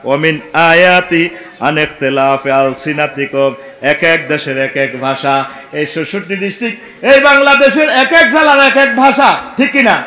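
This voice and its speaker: A man with a high, sharp voice preaches a sermon in a Noakhali Bengali accent. He speaks fervently and calls on his listeners to answer him back. The sound is echoey and roomy. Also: animated, moderate pace. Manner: fervent, calls for audience responses.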